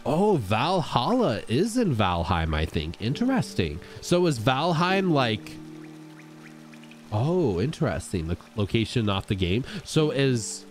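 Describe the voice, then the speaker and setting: Male streamer, casual gameplay chat, rambling and chatty, lively swooping pitch, faint game music underneath. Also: slow. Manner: chatty, rambling, greets and answers chat viewers; animated, jumps into high excited outbursts.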